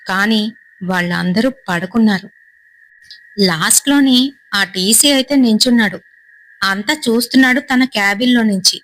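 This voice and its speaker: A woman narrating a horror story in a steady, suspenseful storytelling manner, in short phrases. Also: mid-range voice, moderate pace, pauses often, rough recording.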